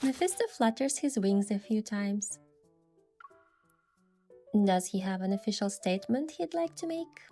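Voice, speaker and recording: A woman narrates a game event story in the first person, playing its lead character and acting out scripted dialogue. Her medium-pitched voice is expressive and dark-toned, a little slow with long pauses. Music runs behind her.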